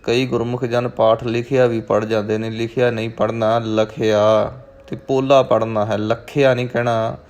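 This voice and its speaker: A man teaching scripture recitation, chanting each verse slowly and then patiently explaining how to pronounce it. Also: mid-range voice, level tone, darkish tone. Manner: measured, patient, repeats each word slowly for the learner. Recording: dull, muffled lo-fi sound.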